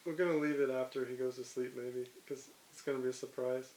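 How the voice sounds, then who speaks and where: A man in casual family chat, answering in quick, reassuring replies. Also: mid-range voice, level tone, darkish tone. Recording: roomy, faint hiss.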